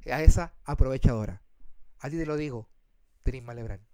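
A man with a Chilean accent, co-hosting a casual chat and telling a story in an animated, slangy way. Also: fairly quick, a crowd in the background. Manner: animated, slangy, acts out quotes in a high voice. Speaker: podcast co-host.

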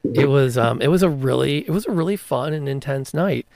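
A man's voice: mid-range voice, a little fast, creaky, a little mellow, no room sound. A man in casual chat, telling game stories with lots of enthusiasm and restarts. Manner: enthusiastic storytelling with many restarts. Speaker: podcast co-host, game master. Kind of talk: casual chat about tabletop gaming.

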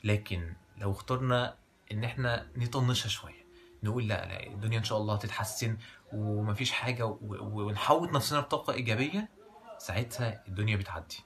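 A man's voice: lowish voice, fast, a bit bright. A man with an Egyptian Arabic accent telling a moral tale as a colloquial, traditional oral storyteller.

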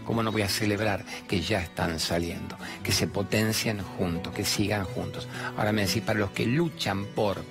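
An older man with an Argentine accent hosts a motivational talk show. He preaches in an animated way and slips into characters while telling stories. Soft music plays beneath his voice. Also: lowish voice, moderate pace, vocal fry, few pauses. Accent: Argentine Spanish. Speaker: self-help radio host.

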